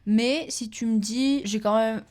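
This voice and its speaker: A young woman from France co-hosting a podcast, telling anecdotes in casual chat, animated and slangy. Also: fairly high pitch. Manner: animated storyteller, rushed and slangy. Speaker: podcast co-host.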